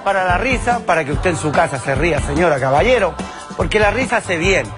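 A man in his fifties with a Chilean accent doing a crude, loud stand-up routine, slipping into quick character voices. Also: sits high, lively intonation, over music. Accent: Chilean Spanish. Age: 50s. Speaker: stand-up comedian.

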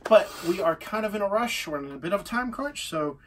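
A man co-hosting a casual podcast chat, chatty and quick to argue a point. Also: high voice, animated, a bit bright, recorded from a distance, a little hiss or hum. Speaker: co-host.

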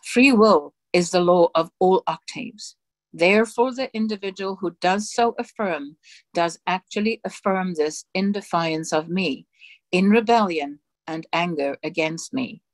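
A woman minister reads a sermon aloud in a slow, solemn, measured voice. Her pitch sits somewhat low, and the recording is dry and close with no room sound. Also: no echo. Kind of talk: sermon reading of spiritual dictations.

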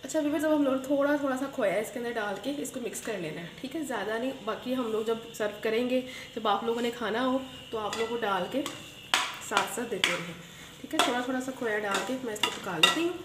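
Fast and fairly high-pitched, a woman hosts her home cooking show from the kitchen stove, guiding viewers through a recipe one step at a time. She addresses them directly in a chatty way, regularly adding a pious phrase. Background noise comes from the echoey room and its loud sizzling and clanking pans.

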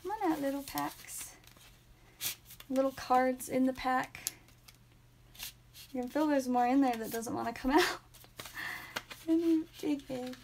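A young woman with a high voice talks casually to her live stream audience from a small room at home. She is chatty and upbeat, reading out each card as she pulls it, with sudden excited bursts. A faint hiss sits behind her voice. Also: measured pace, vocal fry, long pauses. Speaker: live stream host opening card packs.

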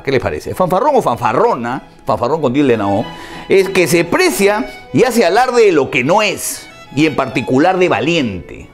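Hombre, acento peruano, conductor de radio, voz muy expresiva, música suave de fondo. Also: male voice, on the high side. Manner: asks himself questions, then answers them; spells words out and notes their accent marks. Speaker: radio and TV host explaining word meanings. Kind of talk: reading dictionary definitions on air.

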